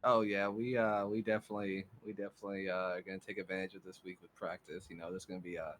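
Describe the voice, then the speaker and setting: Racer guy talking fast and joking around, bit of noise in the background. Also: sits low, flat delivery, fairly bright tone. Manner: joking, easygoing. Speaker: sim racing driver. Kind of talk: post-race interview.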